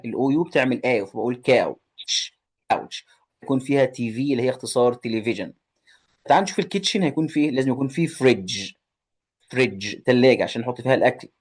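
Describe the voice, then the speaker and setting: Man, Egyptian Arabic accent, teacher, rapid pace, repeats words for pupils, asks and answers his own questions. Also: medium pitch. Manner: repeats each word slowly for pupils. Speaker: English teacher. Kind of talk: lesson.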